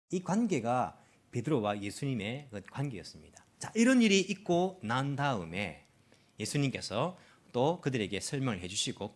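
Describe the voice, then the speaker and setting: A male pastor giving a Sunday sermon in a church, often asking the congregation questions and acting out quoted lines. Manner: animated, acts out quoted lines with rising pitch; asks the congregation frequent questions. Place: church in Tokyo.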